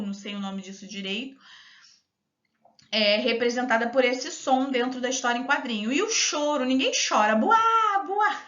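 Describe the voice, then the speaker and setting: A Brazilian woman teacher giving a recorded lesson to young children, patiently spelling out syllables slowly and clearly. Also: fairly high pitch, sharp tone. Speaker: primary school teacher. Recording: dull lo-fi audio.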